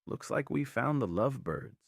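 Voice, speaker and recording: A man reading the part of a cruel, sneering male sailor who menaces two shipmates, in a low, venomous voice. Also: animated, normal speed, slightly rough, dry recording, studio quality. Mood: menacing.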